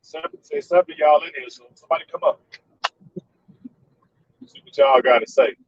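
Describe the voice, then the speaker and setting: A man live-streaming from behind the wheel, his gravelly voice leaping between low and high as he talks to viewers. The audio is muffled and comes from a phone mic set well away from him. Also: huge pitch swings, a little fast, no room sound, distant mic. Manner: chatty, keeps calling on viewers. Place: in a car while driving.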